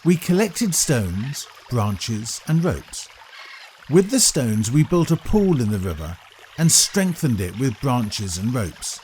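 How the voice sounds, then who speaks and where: A man with a mid-range voice narrates a scripted children's story, deliberate and expressive, with a little hiss or hum in the background.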